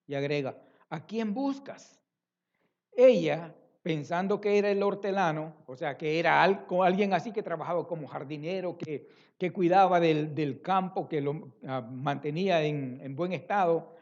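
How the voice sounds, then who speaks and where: High-voiced man preaching, muffled sound. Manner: expressive preaching with rhetorical questions and repetitions. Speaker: pastor. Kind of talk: sermon. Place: church.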